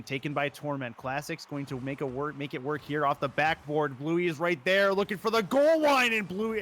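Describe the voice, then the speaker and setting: A man calling esports play-by-play, rapid and rising to shouts at big moments. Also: a little high, a little hiss or hum. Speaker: play-by-play caster.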